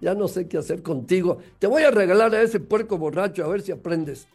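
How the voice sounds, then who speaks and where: A harsh, yelling mother berates her small daughter, as a man puts her on. The voice is raised and raspy. Faint music plays underneath. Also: high voice, animated, a little fast. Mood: furious scolding.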